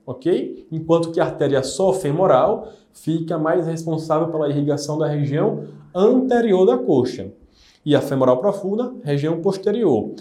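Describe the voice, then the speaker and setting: A man's voice: fairly high pitch, warm tone, reverberant. A man giving a methodical anatomy lecture, repeating terms and checking in with his students. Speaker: anatomy teacher. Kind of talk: explanatory lecture.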